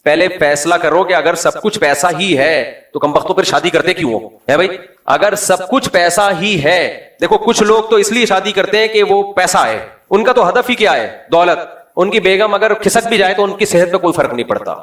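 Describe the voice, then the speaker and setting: Far from the mic in a reverberant lecture hall, an Islamic preacher talks to his audience in a relaxed, gently joking style packed with rhetorical questions. His voice is high-pitched, animated, and fairly bright.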